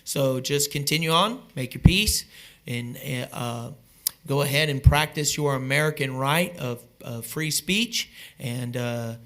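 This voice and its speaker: A man's voice: mid-range voice, a little slow, fairly bright tone. A man chairing a public meeting, giving informal procedural instructions in a folksy, wry way.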